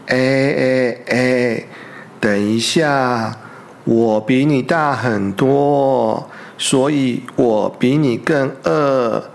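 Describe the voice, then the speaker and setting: A storyteller voicing a big, hungry, stubborn male bear in a slow, low, drawn-out voice for a children's storybook. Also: gravelly. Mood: insistent.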